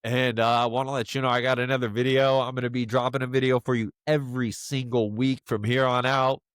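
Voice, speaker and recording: A man recording a personal video message to his young son, halting and emotional, choked up and full of fillers. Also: mid-range voice, little pitch movement, smooth, no room sound, clean studio sound.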